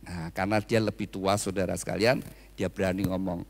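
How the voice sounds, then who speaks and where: A man's voice: sits low, little pitch movement, a little fast, vocal fry. A man preaching a wedding sermon, telling a personal story and often addressing the congregation directly. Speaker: pastor. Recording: reverberant church hall.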